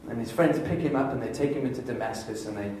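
A man preaching a sermon, telling a Bible story in a lively storytelling way and voicing the inner thoughts of its people. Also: medium pitch, quick pace, heavy reverb, distant mic, a little hiss or hum, poor audio.

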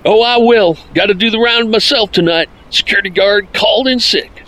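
A man's voice: high voice, normal speed, pushed and bright, voice pushed up. A man voicing a cheerful middle-aged resort owner in a storybook reading. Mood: breezy.

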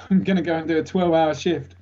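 A man's voice: fairly high pitch, fairly even intonation, quick pace, warm tone. A man, a guest voice actor chatting casually in an interview, jokey and rambling, laughing often. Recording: lo-fi internet call audio.

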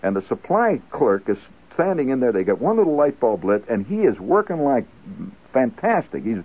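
On a tinny, lo-fi 1970s radio broadcast, a man tells a rambling comic army story full of wry asides. His medium-pitched voice is slightly rough and very animated, moving at a normal speed. He's a radio monologuist with a wry, anecdotal style.

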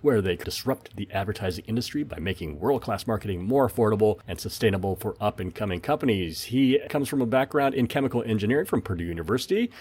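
A man with a husky voice hosting a science show, introducing and questioning a guest in a scripted style. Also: lowish voice, expressive, fast, hardly any pauses, darkish tone. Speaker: science show host, interviewer.

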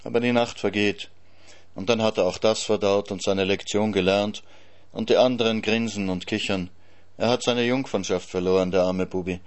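A man giving a literary reading, sober and measured, with dry ironic asides. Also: lowish voice, steady tone. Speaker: reader.

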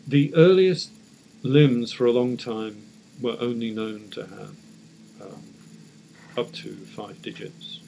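A man speaking as an academic expert in an interview, explaining off the cuff in measured, hesitant short phrases. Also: mid-range voice, creaky, warm tone, slight background noise, low-quality recording. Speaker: academic paleontologist, interview guest.

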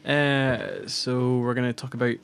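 A man's voice: mid-range voice, measured pace, creaky, fairly bright tone. A Glaswegian man co-hosting a casual podcast chat, making dry, matter-of-fact remarks. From Scotland. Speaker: podcast co-host.

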